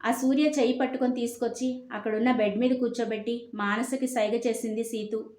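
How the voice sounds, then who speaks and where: A woman hosting an audio story channel, reading a family drama in a gentle, measured and emotive way. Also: a little high, steady tone, roomy sound. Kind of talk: scripted storytelling narration.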